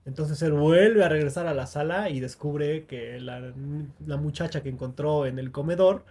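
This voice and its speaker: Male podcast host, slightly high voice, walks through scenes in a relaxed casual chat. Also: normal speed. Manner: guides the segment, recounts scenes at length. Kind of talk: casual movie discussion.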